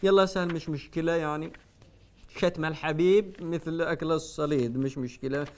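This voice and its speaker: A man with a Yemeni accent hosting a satirical comedy show, mocking and sarcastic, swinging between loud outbursts and hushed asides. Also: fairly high pitch, brisk, a little hiss or hum.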